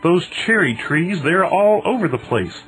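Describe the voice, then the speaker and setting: A man's voice: high-pitched, very animated, measured pace, fairly bright tone, faint music behind, exaggerated voice, rough recording. A man playing a self-important, envious, scheming founding father in a comedy radio sketch, with a pompous manner. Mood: smug, scheming.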